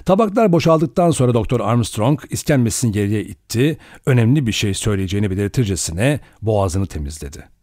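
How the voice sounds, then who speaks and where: A male audiobook narrator with an animated, expressive reading style. His pitch moves a lot across the lines. The recording is dry, with no room sound. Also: brisk, few pauses, no room sound. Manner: expressive storytelling.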